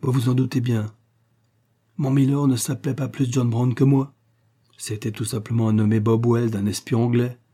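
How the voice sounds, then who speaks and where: A man voicing an eager, lively young man from the city, wounded and bedridden, in an audiobook. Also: mid-range voice, moderate pace, husky, close to an everyday voice.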